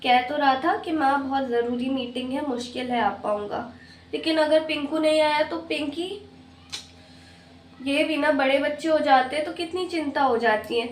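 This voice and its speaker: A woman's voice: high-pitched, slight background noise, natural voice. A woman playing a harried mother and daughter-in-law in a comic family skit, grumbling about chores. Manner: grumbling, fussing over chores.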